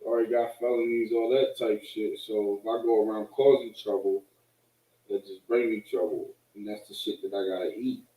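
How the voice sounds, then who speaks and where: A man's voice: on the low side, steady tone, normal speed, warm tone. A man chatting casually in a rambling, repetitive stoner way, with slangy, profane street talk. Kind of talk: casual chat. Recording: echoey room, distant microphone.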